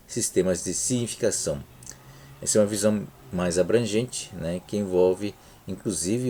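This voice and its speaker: This man's fairly low, dark voice carries a Brazilian Portuguese accent as he lectures at university over slides in a recording. Unhurried, he restarts words many times and checks in again and again with "né?" and "tá?"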